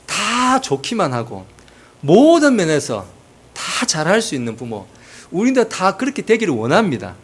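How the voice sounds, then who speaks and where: A man's voice: sits high, wildly swooping pitch, moderate pace, breathy edge. A man preaching a sermon as pastor, telling humorous family stories with acted quotes.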